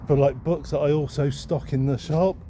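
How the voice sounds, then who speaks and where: A second-hand bookseller and vlogger walks along a town street, talking casually and unscripted as he thinks aloud in a hesitant, rambling way. His voice is fairly high and dark, with a steady tone at normal speed. Street ambience and passing traffic can be heard behind him.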